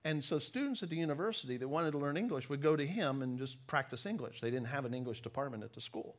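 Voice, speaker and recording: An animated, mid-range voice belongs to this middle-aged American preacher and former missionary, whose sermon draws on personal stories. He talks conversationally and emphatically, teases himself, and pauses deliberately.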